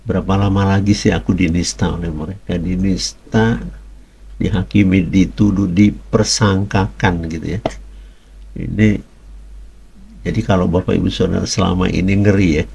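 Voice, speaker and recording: A man's voice: low-pitched, gravelly, a little mellow, husky. A man giving a conversational sermon, speaking colloquially, repeating words and addressing his listeners directly. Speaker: preacher.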